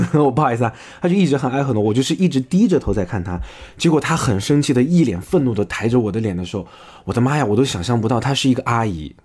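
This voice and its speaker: A man's voice: medium pitch, animated, quick pace, few pauses, darkish tone, breathy edge. A man from Chengdu co-hosting a podcast, chatting playfully and often breaking into laughter. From Chengdu, China. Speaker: podcast co-host. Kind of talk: casual chat.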